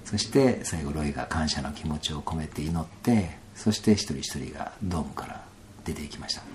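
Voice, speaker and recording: A man with a Kansai accent telling a personal story in a casual interview, animated and laughing often, sometimes dropping to soft asides. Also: a bass voice, fairly quick, a little hiss or hum. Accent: Kansai Japanese.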